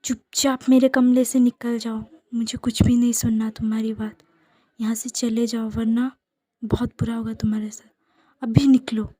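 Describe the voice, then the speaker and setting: A woman's voice: on the high side, level tone, measured pace, dark tone, dry recording. A woman voicing a cold, harsh young man who dismisses his new spouse, in a whispered role-play. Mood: furious. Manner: curt and dismissive.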